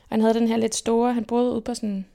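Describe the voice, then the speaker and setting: A young woman from Denmark, telling stories from her life as an interview guest in a lively way and acting out what people said. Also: on the high side, vocal fry. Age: young adult. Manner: lively, animated retelling with quoted inner speech. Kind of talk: casual personal storytelling.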